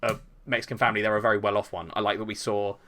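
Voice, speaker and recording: A man co-hosting a casual film podcast, animated and prone to imitating sound effects, swearing freely. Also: fairly low pitch, racing. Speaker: podcast co-host.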